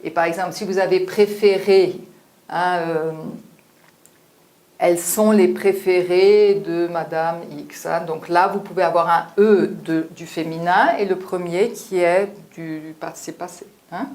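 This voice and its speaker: A woman's voice: fairly low pitch, fairly even intonation, unhurried, darkish tone. A woman giving a French lesson to learners, explaining patiently and tagging her sentences with a frequent "hein". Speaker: French teacher. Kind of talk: spoken language lesson.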